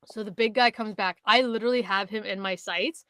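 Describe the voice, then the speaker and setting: A woman from Canada co-hosting a podcast, telling a hunting story in casual chat, animated and swearing, acting out other people's words. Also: medium pitch, fairly quick, no echo. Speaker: podcast co-host.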